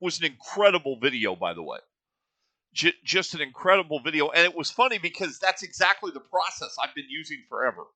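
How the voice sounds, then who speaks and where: A man's voice: a little high, sing-song, fast talker, bright, forceful tone, no echo. A man hosting a casual podcast, easygoing and teasing as he chats with his guest. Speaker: podcast host.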